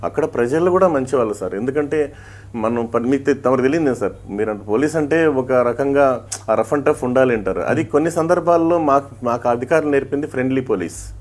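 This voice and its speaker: A man's voice: medium pitch, lively intonation, a little fast, darkish tone. A middle-aged man with an Andhra Pradesh Telugu accent speaks as an interview guest, a police head constable who also does mimicry. He tells his points as stories, slips in proverbs and rhymes, and shifts his voice often to act them out.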